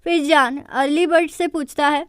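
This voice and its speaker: A woman's voice: high-pitched, fairly even intonation, normal speed, no echo, clean studio sound. A woman narrating a recap of a drama episode, telling it scene by scene. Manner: storytelling, linking scenes with "then".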